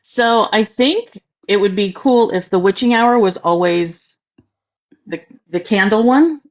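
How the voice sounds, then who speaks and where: A woman co-hosting a live stream, relaxed as she talks through her camera and laptop setup. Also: medium pitch, measured pace, dull audio. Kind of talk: casual live-stream chat.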